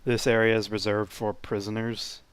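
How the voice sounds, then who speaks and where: A man's voice: on the low side, level tone, normal speed, clean tone, no room sound. A man narrating as game master in a casual, hesitant way with many fillers.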